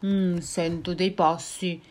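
A woman doing a slow gruff monster. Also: lowish voice, level tone, darkish tone. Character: big hungry male monster, slow-witted.

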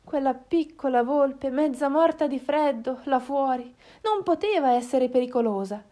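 A woman voicing a kind little hen in a children's storybook, speaking softly and kindly. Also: high voice, lively intonation, moderate pace, pitched above the performer's own voice. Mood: gentle. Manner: soft, kindly.

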